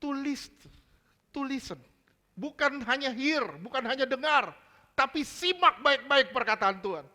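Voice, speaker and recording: A male pastor delivers a sermon with a high, bright, forceful voice. He drives his points home by repeating them and putting questions straight to the congregation. Casual slang slips into his preaching. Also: expressive, a little slow. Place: church service.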